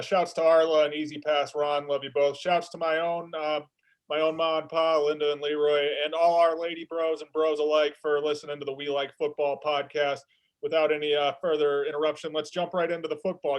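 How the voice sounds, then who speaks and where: A young man co-hosts a casual football podcast from his home. He talks in a loose, slangy way and sounds a little tipsy. His voice sits somewhat higher than most men's. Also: rough recording. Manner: laid-back, slangy, slightly tipsy. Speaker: podcast co-host. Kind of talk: casual sports podcast chat.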